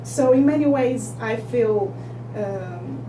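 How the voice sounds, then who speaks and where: A young woman, answering interview questions as a filmmaker in a thoughtful, halting way with many restarts. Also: fairly high pitch. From Brazil. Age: young adult. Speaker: filmmaker guest. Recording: echoey room, distant mic, noise hum.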